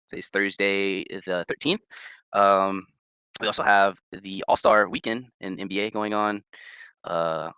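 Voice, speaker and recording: A young man co-hosting a casual sports podcast, rambling and repeating words, his pitch jumping up when he gets emphatic. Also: pushed and bright, clear, resonant tone, no echo. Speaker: podcast co-host.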